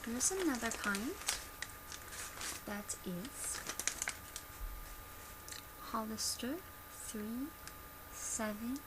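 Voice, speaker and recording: A woman in her twenties, an ASMR creator playing a customer service presenter, gives a soft-spoken, gentle, instructional product demonstration in a quiet voice on the high side. She talks extremely slowly with long pauses. It's a noisy amateur webcam recording from a small bedroom at home, with clear background noise.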